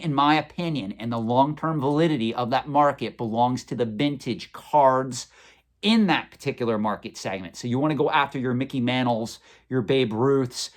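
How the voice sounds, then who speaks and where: Answering questions from his viewers, a collectibles channel host in his forties comes across as chatty, opinionated and now and then sarcastic. He speaks in a mid-range voice.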